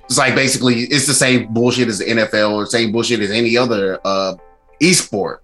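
A man's voice: medium pitch, steady tone, brisk, fairly bright tone, faint music behind. A man giving a casual, blunt streamer's commentary on gaming rules in loose slang, swearing freely. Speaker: streamer host.

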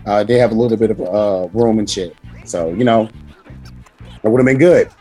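A male podcast host with a badly hoarse, husky voice that is nearly gone. He chats casually and rambles in a slangy, self-deprecating way. Faint music plays behind him. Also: on the low side, moderate pace, dark tone.

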